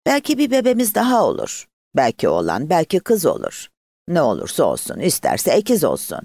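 A man voicing a tender young village husband and father, gentle and hushed. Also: a little high, wildly swooping pitch, fairly quick, vocal fry, dry recording, clean studio sound, voice pushed up, full character voice.

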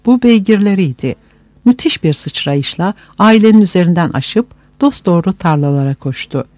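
A man's voice: high voice, animated, moderate pace, darkish tone, no room sound. A man narrating a novel as an audiobook, reading with dramatic expression. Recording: dry, slightly dull lo-fi recording.

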